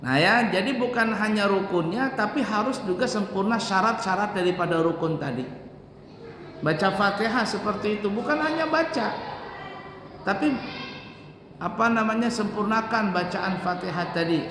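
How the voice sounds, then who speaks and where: High-voiced man teaching in an echoey hall. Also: background noise. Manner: demonstrates recitations slowly, then explains in quick asides. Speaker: religious teacher. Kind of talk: religious lesson on prayer. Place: large hall at an Islamic boarding school. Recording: echoey hall with long reverb, faint ambience.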